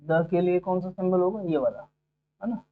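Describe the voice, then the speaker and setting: A man's voice: high voice, normal speed, clear, resonant tone. Man teaching phonetics over tinny audio. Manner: explains step by step, often asks 'ठीक है' and 'है ना'. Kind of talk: phonetics lecture for exam students.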